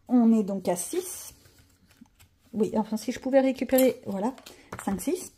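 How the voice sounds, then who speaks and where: A woman's voice: mid-range voice, mellow, breathy edge. A woman chatting casually to her viewers while she colors, thinking aloud and joking about herself. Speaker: coloring vlogger.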